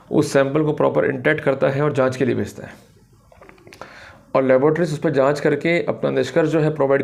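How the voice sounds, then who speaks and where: A man lectures on law in a didactic, emphatic manner, explaining points to viewers and slipping into formal English phrasing. His mid-range voice is creaky with a darkish tone.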